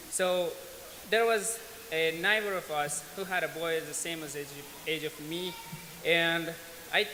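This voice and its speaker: Speaking in a big church hall, this Afghan man in his twenties shares his life story with a fairly high, bright and forceful voice. His delivery is sincere, unhurried and plain, with a few small restarts along the way. Echo from the room and a light hiss can be heard.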